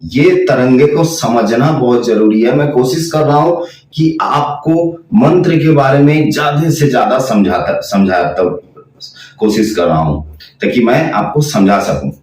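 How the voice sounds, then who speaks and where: A man teaches a spiritual lesson, stopping to demonstrate chanted sounds as he goes. He speaks very slowly and keeps repeating points, at a middle pitch. His voice sits back from the mic in a strongly echoing room. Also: a little mellow, far from the mic. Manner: slow, repetitive explaining, demonstrating chanted sounds. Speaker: tantra teacher.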